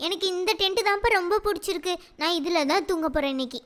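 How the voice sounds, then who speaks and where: A woman voicing a timid, excitable little girl in a cartoon who gets frightened easily. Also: very high voice, quick pace. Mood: excited. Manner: fearful, whiny.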